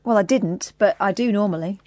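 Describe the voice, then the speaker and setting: A woman's voice: medium pitch, brisk, a little mellow. A woman trading casual banter as a radio sidekick.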